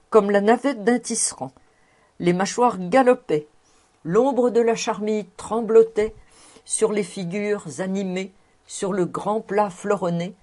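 A woman narrating a classic novel aloud in a measured, expressive reading. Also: medium pitch. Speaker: audiobook narrator.

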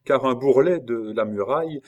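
A man narrating a novel in a steady, measured storytelling manner. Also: medium pitch, lo-fi sound. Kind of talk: audiobook reading of a novel.

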